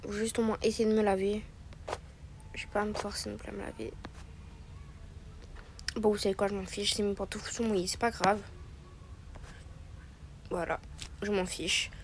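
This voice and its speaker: A woman's voice: mid-range voice, level tone, normal speed, pauses often, a little hiss or hum, close to an everyday voice. A woman voicing a sick young wife filming a vlog, talking weakly and tiredly, with music playing behind. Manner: weak, tired, slightly nauseous voice.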